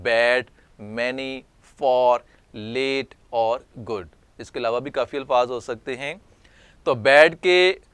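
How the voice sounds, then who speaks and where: Slow, smooth-voiced male grammar teacher. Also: medium pitch, fairly bright tone, no echo. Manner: slow, spells out word forms one by one. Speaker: English teacher. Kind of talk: recorded grammar lesson.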